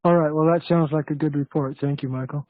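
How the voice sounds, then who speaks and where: Male host on a phone call, halting and filler-heavy, slightly high voice, dry tinny line. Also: fairly even intonation, no room sound. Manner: halting, many fillers and restarts. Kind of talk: casual chat. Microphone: telephone.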